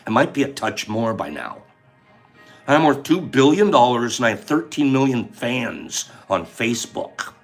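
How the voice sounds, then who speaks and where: A man hosting a casual livestream, chatty and animated as he reads out viewer names and runs a guessing game. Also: mid-range voice, a little slow, creaky, soft background music. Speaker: livestream host.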